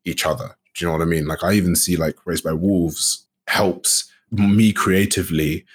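A man being interviewed as a guest, speaking in a relaxed, rambling way with many "you know"s and restarts. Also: sits low, moderate pace, slightly rough. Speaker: guest, actor and game studio founder. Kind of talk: casual interview chat.

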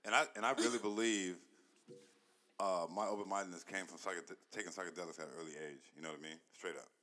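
A man co-hosting a casual podcast chat, laid-back, slangy and quick to agree. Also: low voice, steady tone, pushed and bright.

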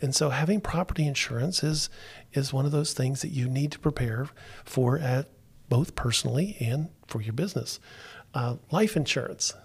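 A man's voice: medium pitch, gravelly, breathy edge. Podcast host, male, from Florida; easygoing chat with frequent "uh"s and restarts. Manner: unhurried, with many fillers and restarts. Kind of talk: casual talk-show chat.

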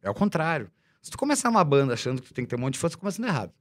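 A man, a musician guest in a casual chat, talking in an animated, slangy, emphatic way. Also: a little high, rapid-fire.

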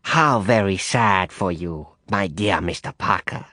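A male narrator voicing a theatrical, sweetly threatening woman who runs a brothel, speaking slowly. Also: low voice, bright, forceful tone, no echo, clean studio sound. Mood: mocking. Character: menacing, silky woman brothel madam.

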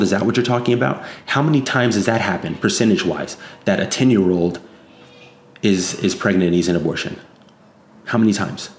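A low-voiced man gives an off-the-cuff opinion monologue in an echoey room. He is earnest and insistent, moralizing as he warns of threats, and he repeats phrases to drive them home. A faint noise sits behind the voice. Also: darkish tone.

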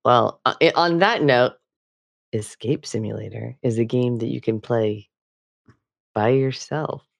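A woman's voice: extremely low pitch, measured pace, gravelly, pauses often. A woman co-hosting a gaming podcast in casual chat, teasing and laughing often. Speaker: podcast co-host.

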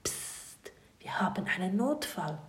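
A woman voicing a small, excitable, glowing blue male octopus sidekick who talks in a hushed whisper in a storybook tale. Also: mid-range voice, very slow, full character voice. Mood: hushed excited.

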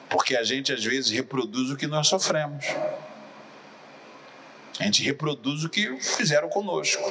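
A middle-aged man from Rio de Janeiro, preaching a sermon as pastor and telling stories in a lively way while asking the congregation to answer back. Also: medium pitch, slight background noise. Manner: animated storyteller, asks the audience for replies.

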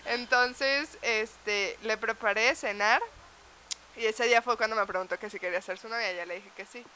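A woman's voice: on the high side, normal speed, bright, forceful tone. A young woman with a Mexican accent, telling a story in casual chat. She swears freely and animates the tale with laughter.

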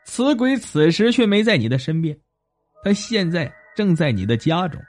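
A man voicing a stern, knowing old Taoist priest who gives grave warnings in a low voice. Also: very animated, moderate pace, darkish tone, faint music behind.

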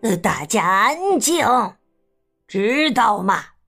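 A woman voicing a wise but superstitious old rooster in a storybook, speaking hushed and hesitant with many fillers. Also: mid-range voice, sing-song, slow pace, gravelly, breathy edge, faint music behind, exaggerated voice. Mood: calming.

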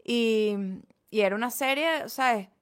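A woman co-hosting a podcast, telling stories in an animated way and laughing often. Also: a little high, unhurried, clean tone. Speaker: podcast co-host. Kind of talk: casual chat.

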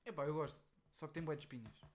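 A young man with a European Portuguese accent, co-hosting a casual podcast chat with deadpan, absurd jokes. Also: fairly high pitch, very fast. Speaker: podcast co-host.

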